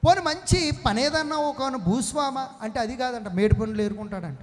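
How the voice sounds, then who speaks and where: High-voiced preacher in an echoey hall. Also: male voice, moderate pace. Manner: questions the congregation and calls for responses; storytelling with jokes, rising to emphatic shouts. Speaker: pastor. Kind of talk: sermon. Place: prayer hall before a congregation. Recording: echoey prayer hall with long reverb.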